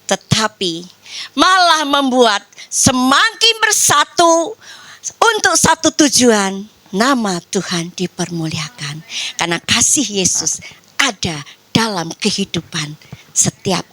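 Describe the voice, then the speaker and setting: An older woman pastor preaching a sermon in church, telling a personal testimony with emotional swings between loud and hushed, mixing formal preaching with casual slang. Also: medium pitch, very animated, slow pace, no room sound. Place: church service.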